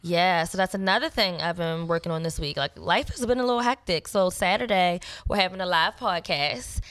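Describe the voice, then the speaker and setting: A chatty woman in her thirties, talking easily on a relationship podcast in a slightly low voice. The sound is dry and close, with no room around her. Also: fairly quick, a bit bright, dry recording. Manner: chatty, with frequent fillers. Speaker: podcast co-host. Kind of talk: casual chat.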